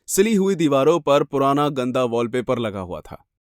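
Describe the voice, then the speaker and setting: A man's voice: medium pitch, big pitch swings, normal speed, no room sound. Man narrating horror in a dry studio. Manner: dramatic, suspenseful. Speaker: storyteller. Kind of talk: scripted horror narration in first person.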